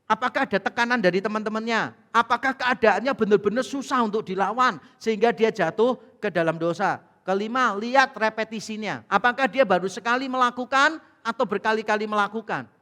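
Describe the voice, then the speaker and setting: A middle-aged Indonesian man preaching a sermon, animated, acting out voices in humorous anecdotes. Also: high voice, a little fast. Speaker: pastor. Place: large church hall. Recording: echoey church hall.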